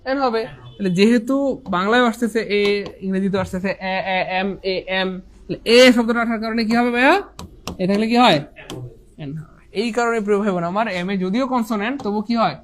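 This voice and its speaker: A man's voice: sits high, moderate pace. A man teaching an online English grammar lesson, asking the class questions and answering them himself, mixing English terms into his speech. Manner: often says "inshallah" and "dear brothers and sisters".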